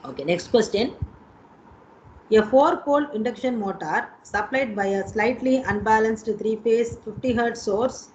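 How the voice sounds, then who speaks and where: A woman's voice: fairly high pitch, unhurried, darkish tone. Indian woman lecturer on a dull, lo-fi call. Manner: repetitive, instructive, checking in with students. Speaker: engineering lecturer. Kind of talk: online exam coaching lesson. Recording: dull lo-fi online call with noise.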